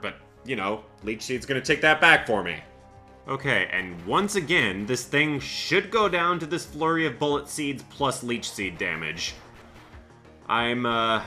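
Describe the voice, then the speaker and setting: A man talks through his game run in a chatty, thinking-aloud way and breaks into laughter often. His voice is very bright and sharp, and his pitch swings widely. Faint game music plays underneath. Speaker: Let's Play host. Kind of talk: gameplay commentary.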